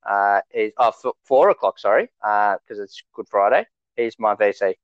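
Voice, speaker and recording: A man's voice: lowish voice, normal speed, no echo. An Australian man co-hosting a sports podcast in casual, matey conversation, recorded on slightly dull lo-fi audio. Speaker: fantasy rugby league podcast co-host.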